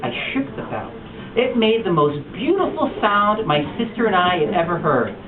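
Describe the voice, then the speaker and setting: A man reading a picture book aloud at a bookstore storytime, telling it with expressive animation. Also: high voice, moderate pace, a crowd in the background. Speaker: storytime reader. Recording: distant echoey lo-fi room recording with noise.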